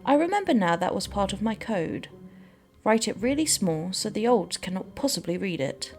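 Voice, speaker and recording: A woman's voice: medium pitch, very animated, normal speed, a little mellow, soft background music. A woman doing game playthrough commentary and reading the dialogue aloud as she plays.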